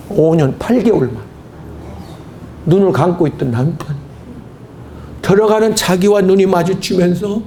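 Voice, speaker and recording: A man preaching a sermon as a pastor, telling a story dramatically, acting out the voices and breaking into shouted praise. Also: sits high, a little hiss or hum. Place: church hall at a retreat.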